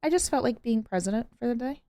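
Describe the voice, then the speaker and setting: Woman podcast co-host, chatty and excitable, drifts from tangent to tangent. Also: a little high, fast talker. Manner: rambling, excitable storyteller, jumps between tangents. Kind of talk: casual chat.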